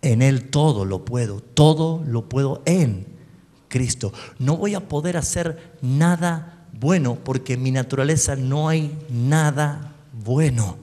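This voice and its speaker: A man with an Argentine Spanish accent preaching a sermon as pastor, swinging between quiet asides and loud calls for the congregation to repeat after him. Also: mid-range voice, takes it slowly. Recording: long hall reverb.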